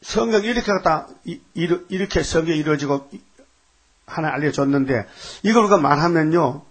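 A man's voice: on the high side, fairly quick. A man preaching a sermon in a conversational, emphatic way, often throwing rhetorical questions at his listeners.

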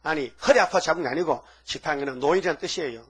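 A man with a husky voice preaching a sermon emphatically, firing off rhetorical questions at the congregation. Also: fairly high pitch, fast talker, a bit bright. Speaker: pastor.

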